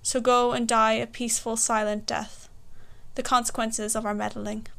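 A nineteen-year-old poet from Galway, Ireland, with a west of Ireland accent, introduces herself, recites her poetry and discusses it. Her voice is fairly high and a bit bright, with vocal fry, flat delivery and a moderate pace.

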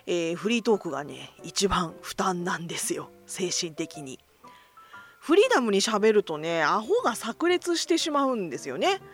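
A woman's voice: mid-range voice, big pitch swings, normal speed, faint music behind. A middle-aged woman hosting a casual solo radio-style talk, self-deprecating and joking, mixing polite forms with slang. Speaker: host of a solo voice blog.

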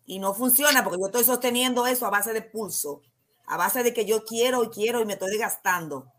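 A woman with a Dominican accent appears as a guest counselor on a talk show. Her voice is slightly high and a touch quick, and she explains ideas in a calm, teacherly manner, often answering her own questions.

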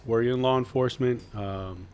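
A young adult man from Florida chats easily as a podcast guest in a casual interview, easygoing and hesitant, with many uhs and restarts. His medium-pitched voice is brisk and darkish, with a little hiss or hum in the recording.

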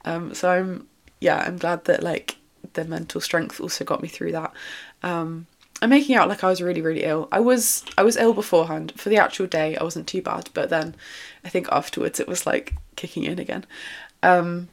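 Chatty woman in her twenties with a lower voice. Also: steady tone, normal speed, vocal fry. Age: 20s. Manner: chatty, upbeat, lots of fillers and little laughs. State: lingering cough in the throat. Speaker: podcast host. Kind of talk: casual solo podcast chat.

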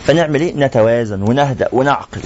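A man's voice: mid-range voice, quick pace, a little mellow, a little hiss or hum. An Egyptian sheikh teaching a live class, firing rhetorical questions at his listeners. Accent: Egyptian Arabic. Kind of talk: religious lesson to a live class. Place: room with a class. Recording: muffled lo-fi recording.

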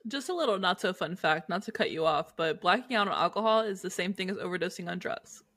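A woman's voice: fairly low pitch, fast, fairly bright tone. A woman co-hosting a podcast, cutting in with blunt, teasing remarks. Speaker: podcast co-host. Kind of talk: casual chat.

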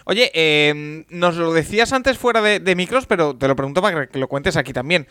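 A man's voice: on the high side, expressive, normal speed, slight background noise. A man hosting a football podcast, introducing guests and reading listener questions in casual chat. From Spain. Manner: bright, clear, introduces and reads listener questions. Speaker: podcast host.

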